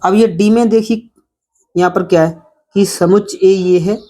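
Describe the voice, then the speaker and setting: At normal speed and in a warm, steady, medium-pitched voice, a woman maths teacher talks her students through a lesson. Her style is repetitive: she elongates key words for emphasis and often checks in with quick tags such as "ठीक है" and "है ना".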